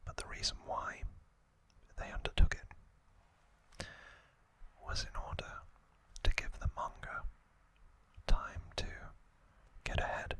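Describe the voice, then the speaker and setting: This ASMR trivia host is a man who whispers without voicing, breathy and near the microphone. His phrases are drawn out and broken by many pauses, and the delivery sounds pushed and bright.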